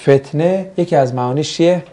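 Joking male teacher with a mellow voice. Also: fairly high pitch. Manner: jokey, asks the class questions and banters. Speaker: religious studies teacher. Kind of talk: classroom lecture with questions to students. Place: classroom.

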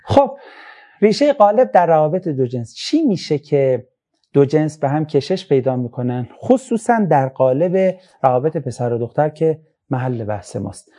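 Man, lecturer, moral talk, fairly high voice, mellow tone, storytelling. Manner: animated storytelling, voice rising high for emphasis, drops low for asides. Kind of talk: religious-moral lecture to young audience.

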